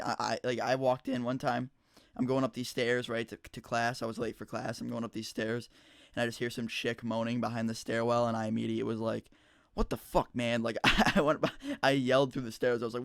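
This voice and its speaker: A man's voice: medium pitch, vocal fry, smooth, no echo, clean studio sound. A teenage boy telling a school story to his viewers in a rambling, casual way with lots of fillers. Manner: rambling, chatty, frequent fillers and restarts. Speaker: YouTuber.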